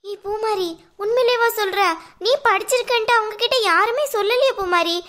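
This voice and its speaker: A woman's voice: very high-pitched, normal speed, fairly bright tone. A woman voicing a caring, insistent young village woman in a cartoon, pressing her sister with questions. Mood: coaxing. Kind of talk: cartoon voice acting.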